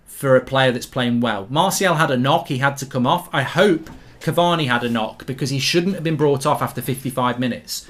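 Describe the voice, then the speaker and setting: A man's voice: mid-range voice, a bit bright. A man hosting a fan channel, giving an emphatic, repetitive post-match breakdown. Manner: emphatic, repetitive, frustrated reasoning. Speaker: football fan channel host. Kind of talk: casual post-match rant to camera.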